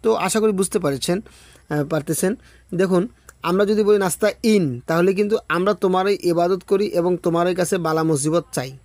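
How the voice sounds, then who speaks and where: Male Quran teacher in an online lesson, slightly high voice, dry recording, slow drawn-out chanting. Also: a little mellow, no echo. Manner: explains step by step, checks in with "okay?"; chants Arabic verses slowly and drawn out.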